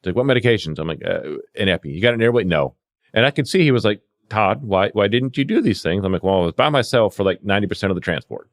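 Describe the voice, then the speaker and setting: Speaking fast and with plenty of animation, a low-voiced man recounts his experiences as a paramedic and CPR instructor, performing the back-and-forth with quoted lines. It's studio-quality audio with no room sound.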